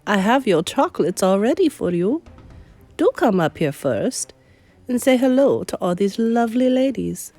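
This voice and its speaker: A woman voicing a scheming witch leader who talks with syrupy sweetness one moment and shrill commands the next. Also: expressive, moderate pace, warm tone, no room sound, soft background music. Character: menacing female witch leader, scheming and theatrical.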